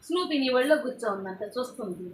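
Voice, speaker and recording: A woman's voice: a little high, lively intonation, fast talker. A middle-aged woman with a Nellore Telugu accent, a vlogger chatting at home in doting baby talk to a small child. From Andhra Pradesh, India. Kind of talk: casual family vlog chat. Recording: echoey room from a distance, background noise.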